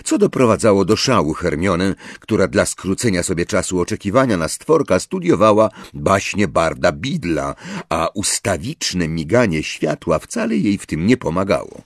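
A man reading a fantasy audiobook aloud, with expressive storytelling narration. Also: low voice, normal speed, no echo, studio quality. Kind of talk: scripted narration.

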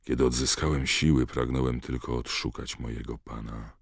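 A man voicing a young male prisoner who speaks in a dead, emotionless monotone. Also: rumbling low, normal speed, gravelly, breathy edge, no echo, studio quality, heavily acted. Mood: flat. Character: young male prisoner under a truth potion.

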